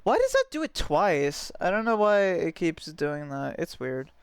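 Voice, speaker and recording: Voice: mid-range voice, measured pace, smooth, dry recording. A voice actor and streamer chatting casually and jokily between acted game lines. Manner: jokey, animated.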